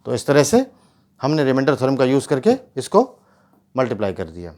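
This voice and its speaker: Guy teaching math on a board, keeps asking "what did we get?", mid-pitched voice. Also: very animated, a little fast, a little mellow. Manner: step-by-step explaining with rhetorical questions; mixes English math terms into speech. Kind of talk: whiteboard math lesson.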